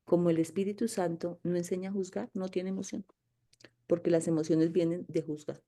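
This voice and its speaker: Emphatic woman teaching, mellow voice. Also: fairly low pitch, steady tone, fairly quick. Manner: emphatic, asks "¿sí?" often, mimics inner voices. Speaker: spiritual teacher. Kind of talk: casual spiritual class talk.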